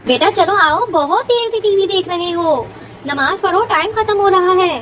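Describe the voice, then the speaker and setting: A woman playing a gentle, pious mother who patiently teaches her son. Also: sits high, expressive, normal speed, a little hiss or hum. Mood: urging. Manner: patient, warmly instructive. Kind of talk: children's moral short film acting.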